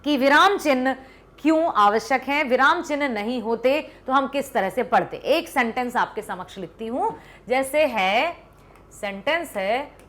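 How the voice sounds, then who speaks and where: A woman with a high voice gives an online lesson. She explains patiently, step by step, and keeps stopping to ask the students whether it is clear. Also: animated, unhurried, a bit bright. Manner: explanatory, asks checking questions. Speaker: teacher. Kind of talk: classroom-style online lesson.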